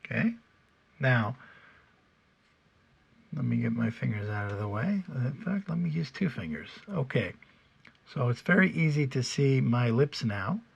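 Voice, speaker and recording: A man with a standard American accent giving an informal pronunciation lesson, explaining patiently and haltingly step by step, with a slightly husky, gravelly voice. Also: mid-range voice, very animated, dull audio. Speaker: pronunciation teacher. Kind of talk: informal instructional video, demonstrating English sounds.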